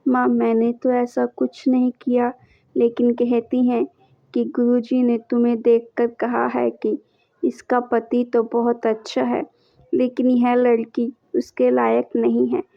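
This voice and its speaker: Woman voicing a young newlywed bride, tearful and pleading, slow measured reading, flat tone, gravelly edge, dull lo-fi sound. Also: on the high side, dry recording. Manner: pleading, tearful confiding to her mother. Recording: dull lo-fi recording.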